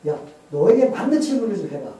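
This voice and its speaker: A man's voice: sits high, big pitch swings, quick pace, mellow, voice pushed up. A man voicing God as a blunt, scolding male voice in a sermon, recorded from far off in an echoey church hall.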